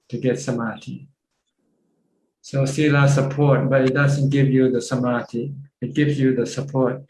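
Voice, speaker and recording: Over echoey video call audio, a Buddhist monk with a Thai accent patiently explains Buddhist practice. His medium-pitched voice is a little mellow, and he often repeats words as he goes.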